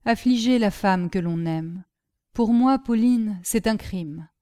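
A woman reading a literary love letter aloud in an audiobook style, with a measured, grave and deeply felt delivery. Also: warm tone, no echo, clean studio sound. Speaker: reader.

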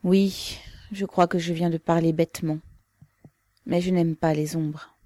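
A woman's voice: fairly low pitch, steady tone, unhurried, mellow, no room sound, lightly acted. A woman voicing an earnest, proud young woman revolutionary who speaks with restrained intensity.

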